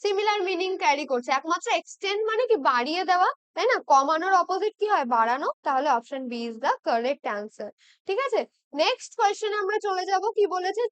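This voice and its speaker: A woman's voice: extremely high pitch, animated, normal speed, a bit bright, no echo. A woman teaching English exam practice questions, checking in with tag questions and spelling words out letter by letter.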